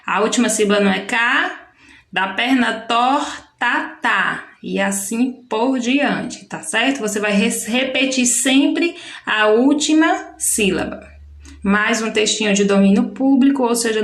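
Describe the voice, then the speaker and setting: A woman teacher with a Brazilian Portuguese accent explains a lesson to young children, slowly and patiently, breaking words into syllables. Her voice sits a little high, and she talks at a very slow pace. The sound is roomy and echoey. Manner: patient, slows to spell out syllables. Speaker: primary school teacher. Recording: echoey room.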